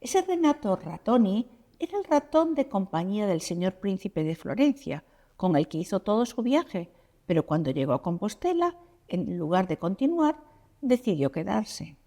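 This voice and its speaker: A woman's voice: mid-range voice, very animated, normal speed, mellow. A woman voicing a chatty mouse who tells a storybook tale and teases the listeners with questions. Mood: playful. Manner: playful, teasing the listeners with questions. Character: chatty mouse storyteller, descendant of a prince's pet mouse. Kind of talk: storybook narration.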